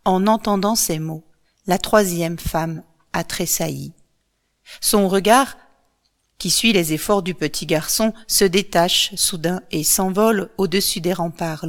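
A woman narrating a myth as a storybook, calm and measured. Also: fairly low pitch.

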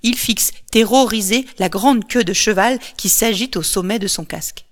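A woman narrating a myth as a storybook, calm and measured. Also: medium pitch.

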